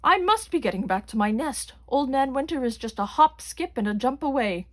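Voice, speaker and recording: A sleepy, wise old owl speaks calmly in a raised, light voice, as a woman plays him. It is a gentle storybook creature. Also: high-pitched, normal speed, pitched above the performer's own voice.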